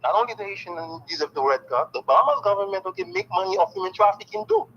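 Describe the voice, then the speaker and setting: A man from Haiti, a native speaker, talks fast in a high, slightly rough voice, with dull audio. Candid and emphatic in his interview answers, he is excited and keeps peppering his speech with "okay."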